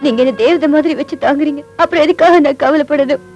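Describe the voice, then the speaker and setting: A woman's voice: high voice, fast, a little mellow, soft background music. An actress dubbing a worried middle-aged wife and mother in a film drama, speaking tensely and defensively.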